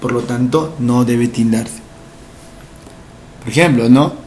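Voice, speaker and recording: A male language teacher, giving a recorded lesson for entrance exams, explaining slowly, repeating each word and asking rhetorical questions. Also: mid-range voice, a little mellow, a little hiss or hum.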